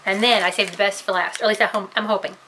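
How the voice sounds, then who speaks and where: Bright-voiced chatty woman vlogger. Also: medium pitch, steady tone, very fast, a little hiss or hum, rough recording. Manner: chatty, giggly, self-deprecating. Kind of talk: casual vlog, tasting candy on camera.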